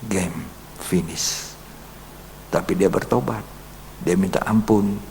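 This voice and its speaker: A man preaches at a Bible study, his low voice rough with fry. He drops to a hush when he quotes people, then climbs into forceful exhortation. Long reverb from the church hall hangs on each phrase, over a faint hum. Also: slow. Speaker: pastor.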